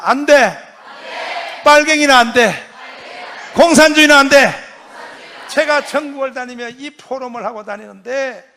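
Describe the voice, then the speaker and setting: A man preaching a fiery patriotic lecture in a very high, bright and sharp voice. There is a gravelly edge to his shouting. He stops often to have the crowd chant lines back to him. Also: a little hiss or hum. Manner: acts out quoted voices. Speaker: pastor.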